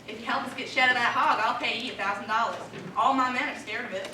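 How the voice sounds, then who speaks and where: A woman playing a boastful old king in a traditional Southern American accent, with a fast, excitable folksy drawl. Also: a little high, close to an everyday voice. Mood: eager. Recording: echoey room, far mic, noise.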